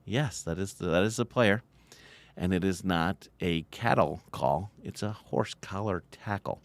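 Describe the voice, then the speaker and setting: A man's voice: low voice, a little slow, no room sound. A man co-hosting a casual football podcast, joking and sarcastic, often trailing off and restarting. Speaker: podcast co-host. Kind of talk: casual chat about football.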